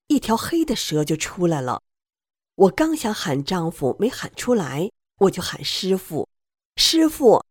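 A woman's voice: on the low side, darkish tone, slightly rough, no echo, studio quality. A woman telling her own story in a plain first-person way, acting out the lines she quotes.

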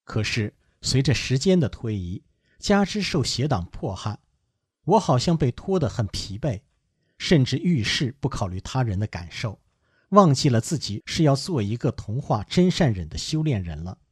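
A man reads a first-person account aloud in an earnest, measured way. His voice is slightly husky, and his pitch rises and falls a lot as he goes. The recording is close and dry, with no room sound. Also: big pitch swings, a little mellow, dry recording.

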